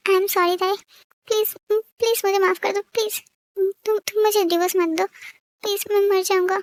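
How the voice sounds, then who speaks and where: A woman's voice: extremely high pitch, steady tone, moderate pace. A woman voicing a jealous, hot-tempered young husband who scolds and then begs in a fan-fiction audio story. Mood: pleading. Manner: harsh, scolding, then begging.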